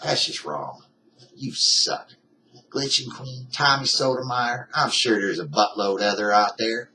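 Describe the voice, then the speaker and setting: Bright-voiced indignant man. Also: mid-range voice, lively intonation, a little slow, slight background noise, low-quality recording. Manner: heated, indignant, folksy. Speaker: YouTuber. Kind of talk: ranting vlog.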